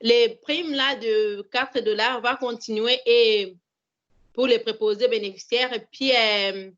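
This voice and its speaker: A woman in asks a question at a virtual town hall, halting and repeating words as she searches for phrasing. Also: a little high, steady tone, fairly bright tone. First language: not French. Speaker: caller, personal care attendant. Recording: dull lo-fi online call audio.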